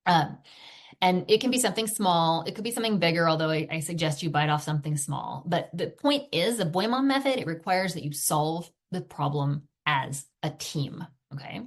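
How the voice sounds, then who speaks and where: A woman's voice: sits low, expressive, normal speed. A woman parenting coach teaching a video lesson in a conversational way, often checking in with her listeners. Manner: acts out quoted phrases parents say to their sons.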